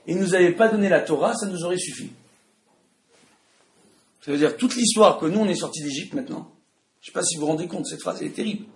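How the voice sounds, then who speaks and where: A man with a Tunisian French accent gives an emphatic religious lesson, his voice gravelly and fairly high for a man. He talks loudly and keeps asking his listeners questions. The room has a clear echo. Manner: loud, emphatic, asks the audience questions. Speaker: Torah teacher. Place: room with an audience. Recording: echoey room.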